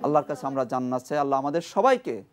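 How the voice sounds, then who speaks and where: A Quran reading teacher leading a televised class, repeating each syllable slowly and emphatically and explaining where the tongue and throat form each sound. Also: mid-range voice, animated. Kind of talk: televised call-and-response recitation class.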